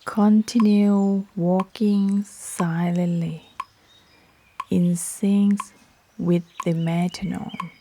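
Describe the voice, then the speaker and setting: A woman leading a guided meditation in short, sparse phrases with long pauses, her voice soft, breathy and partly whispery. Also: medium pitch, little pitch movement, a little hiss or hum. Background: metronome clicks.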